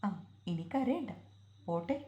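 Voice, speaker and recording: A woman voicing a young village husband who scolds his wife and then softens, in a roomy recording. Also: medium pitch, expressive, slow, lo-fi sound. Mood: soothing. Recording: roomy echo.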